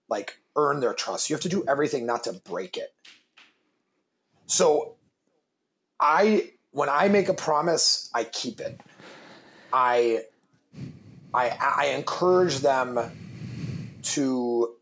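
This interview guest, a business founder and father in his thirties, has a very deep voice and talks in a casual, emphatic way. He curses without hesitation and repeats words when launching into a thought.

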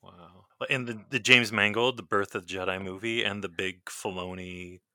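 A man talks in a relaxed podcast chat, his voice bright and forceful. He slips into deadpan teasing now and then. The sound is dry and close. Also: fairly low pitch, normal speed, dry recording. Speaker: podcast co-host. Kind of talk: casual chat.

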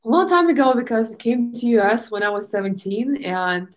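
A blogger and model from eastern Ukraine chats casually as a podcast guest in a relaxed interview. She is a native Russian speaker with a Russian accent, and her fairly high voice moves quickly with lively intonation.

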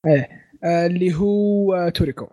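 A man's voice: high-pitched, fast talker, dark tone, dry recording. A young man hosting a casual podcast, venting exasperated complaints in a ranting way. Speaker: podcast host.

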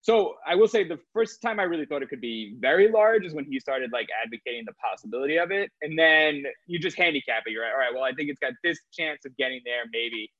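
A man's voice: fairly high pitch, lively intonation, fast, hardly any pauses, a bit bright, no echo. A man talking as an interview guest about his trading career, rambling and filling his sentences with "like". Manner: rambling, heavy use of filler "like". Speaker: guest, crypto trader. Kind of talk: casual interview talk. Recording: dull, slightly lo-fi dry sound.

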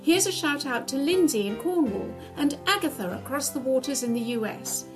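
A woman's voice: high voice, lively intonation, moderate pace, music in the background. A woman hosting a gardening podcast, talking in a chatty, enthusiastic way with her co-host. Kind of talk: casual chat.

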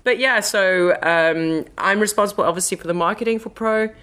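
Chatting informally on a relaxed podcast, a South African-accented marketing manager appears as the interview guest. Her mid-range voice has a fairly bright tone, and she talks at a normal speed.

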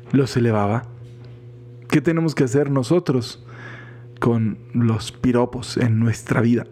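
A priest with a Mexican accent giving a chatty, informal reflection on the gospel, often laughing and acting out what people say. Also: male voice, mid-range voice, mellow, slightly rough. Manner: chatty, laughs often, acts out quoted voices. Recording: podcast voice recording.

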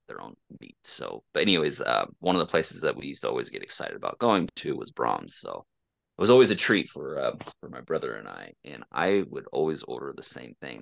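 A man's voice: very deep voice, gravelly, no echo. A man from Oklahoma telling a childhood story as a coaching guest, hesitant and full of fillers. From Oklahoma, USA. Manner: hesitant, many fillers and restarts, soft-spoken. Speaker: coaching client and podcast guest. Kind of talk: casual personal storytelling.

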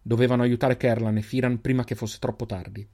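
Steady male audiobook narrator. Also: medium pitch, fairly quick. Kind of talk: scripted narration.

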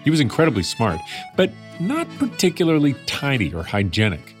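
A man's voice: medium pitch, wildly swooping pitch, brisk, soft background music. Wry conversational male storyteller. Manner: conversational, wry asides to the listener. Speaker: podcast narrator. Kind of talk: scripted storytelling narration.

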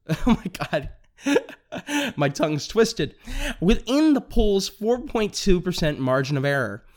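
A young man hosting a political commentary podcast, talking fast and excitably, tripping over his words and restarting sentences. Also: on the high side. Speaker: podcast host.

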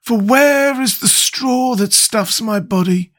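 A man voicing a stuffed male scarecrow, noble and dignified, with a hollow voice and slow delivery. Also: extremely high pitch, a bit bright, voice pushed up, exaggerated voice. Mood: dismayed.

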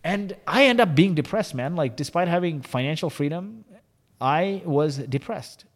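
A man who is a company co-founder, a guest in an interview, telling a candid personal story in an animated way with lots of "like" and "you know". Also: fairly high pitch, normal speed. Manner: animated, confessional, heavy use of "like" and "you know". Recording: long hall reverb.

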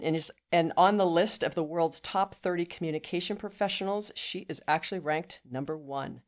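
Upbeat woman in her fifties hosting. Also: deep voice. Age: 50s. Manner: upbeat, leans on "you know" and restarts. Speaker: podcast host. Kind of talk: conversational podcast interview.

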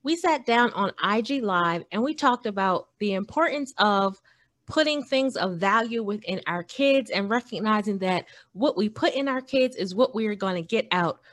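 A woman's voice: medium pitch, fairly bright tone. A woman podcast host giving a scripted show intro in a polished, upbeat read.

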